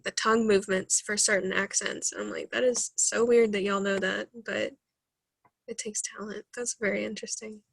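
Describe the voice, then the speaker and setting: A woman's voice: mid-range voice, gravelly, pushed and bright, no echo. A young woman in casual chat on a video call, reacting with interest.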